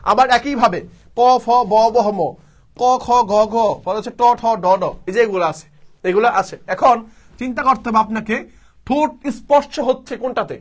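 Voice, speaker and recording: At a moderate pace, a man with a very high voice teaches an admission-test prep session streamed live online. His method is repetitive: he asks a question, then supplies the answer himself, over and over.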